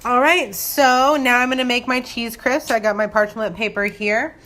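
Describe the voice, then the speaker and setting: Steady in tone and fairly bright, her slightly high voice moves at normal speed as she chats through a home cooking demo, loose, giggly and tipsy, thinking out loud. Background kitchen noise fills the recording.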